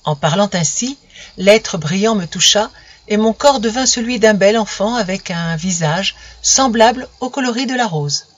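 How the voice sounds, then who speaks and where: A woman reading a fairy tale aloud in an expressive, dramatic storybook style, in a dull lo-fi recording. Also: mid-range voice, moderate pace.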